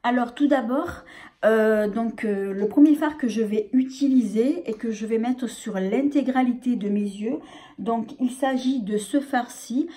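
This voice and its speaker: A woman's voice: on the high side, a little slow, dark tone. A woman with a French accent reviewing a makeup palette in a casual, hesitant way, full of fillers and restarts. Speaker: beauty vlogger.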